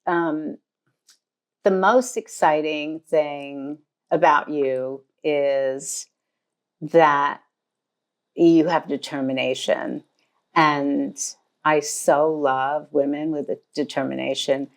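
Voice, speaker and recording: An older woman hosts a relaxed interview. Her voice sits low, and she speaks in a complimentary way, pausing often as she thinks aloud. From United States. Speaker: podcast host, fashion designer. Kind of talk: casual interview.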